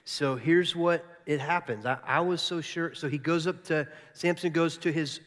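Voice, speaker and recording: A man's voice: fairly high pitch, normal speed. A middle-aged man, a teaching pastor, preaching a sermon and animatedly acting out the people in his story. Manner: animated, acts out quoted characters. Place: large church auditorium. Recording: church hall reverb.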